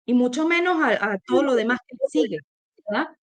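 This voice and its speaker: A Venezuelan woman speaking Spanish with her native accent co-hosts a political discussion. Her high-pitched voice is animated and a little fast, and she argues emphatically and opinionatedly, often restarting her phrases.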